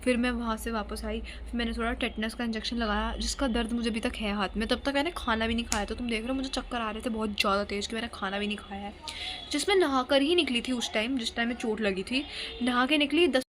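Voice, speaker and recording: A woman's voice: a little high, fairly even intonation, fast, a bit bright, slight background noise. A young woman telling a story casually to her phone camera at home, rambling and chatty, dropping English words into her talk. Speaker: vlogger.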